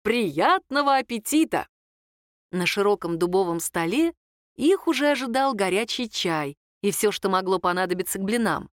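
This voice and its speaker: A woman reads an audiobook in a steady, lightly wry storytelling voice. Her pitch sits in a middle range. The recording is close and dry. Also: normal speed, dry recording. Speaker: audiobook narrator. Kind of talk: scripted narration.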